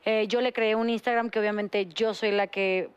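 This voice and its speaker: A woman's voice: medium pitch, steady tone, moderate pace, smooth. A woman, a mother, chatting earnestly in a casual group. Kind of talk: casual chat.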